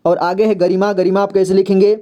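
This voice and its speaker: A man with a Hindi accent teaching a slow, step-by-step spelling lesson and often checking in with the listener. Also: high-pitched, flat delivery, mellow, muffled recording. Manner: slow and repetitive, often says "theek hai". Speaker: English reading teacher.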